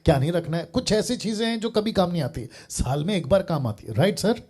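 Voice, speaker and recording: A man's voice: high voice, animated, a little fast, darkish tone. A man preacher talking with a caller on a live show, reasoning earnestly through everyday examples and often adding "sir". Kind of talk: live call-in Q&A.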